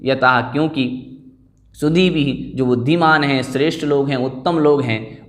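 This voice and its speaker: A man's voice: medium pitch, fairly bright tone. A man teaching an online scripture class, explaining verse after verse and drilling the pronunciation of each word.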